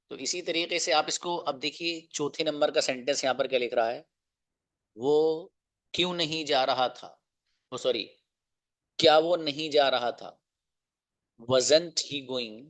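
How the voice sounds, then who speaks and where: A man's voice: mid-range voice, a bit bright, no room sound. Man teaching a grammar lesson, dry sound. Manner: slow, drilled repetition of example sentences; asks the class rhetorical check questions. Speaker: English teacher.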